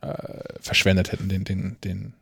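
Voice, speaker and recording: A man's voice: sits low, flat delivery, moderate pace, vocal fry, a bit bright, slightly rough, dry recording, clean studio sound. A man co-hosting a casual tech podcast, easygoing and often restarting his sentences. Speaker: podcast co-host.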